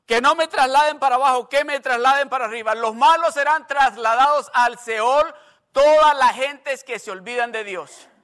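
A man's voice: extremely high pitch, normal speed, bright, forceful tone. An older man preaching a sermon, emphatic and repetitive, asking the congregation questions and telling stories from his own life. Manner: storytelling asides.

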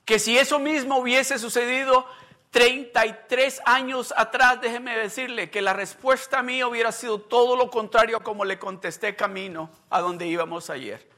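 Pastor guy preaching, really high voice, goes quiet then loud and fired up. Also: steady tone, normal speed. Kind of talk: bilingual sermon.

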